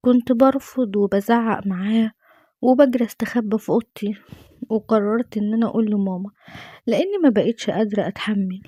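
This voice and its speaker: A woman's voice: medium pitch, fairly even intonation, fast talker, mellow, slightly rough, no echo, clean studio sound. A woman with an Egyptian accent telling a dramatic first-person story in an earnest, emotional way.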